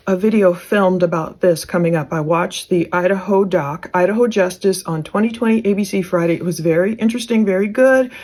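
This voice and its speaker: A woman's voice: mid-range voice, darkish tone. A woman giving casual, conversational commentary on case documents, with speculative asides, as a true crime commentator.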